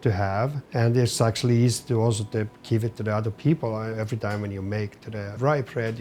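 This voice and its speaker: A middle-aged Finnish chef and business owner answers interview questions in halting, Finnish-accented English, searching for words as he speaks. His voice is medium in pitch and mellow.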